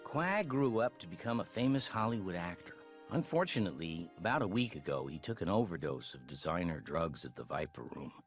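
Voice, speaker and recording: A low, wistful narrator. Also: male voice, big pitch swings, fairly quick, faint music behind. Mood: reflective. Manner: reflective storytelling narration. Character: wistful grown man narrating boyhood memories.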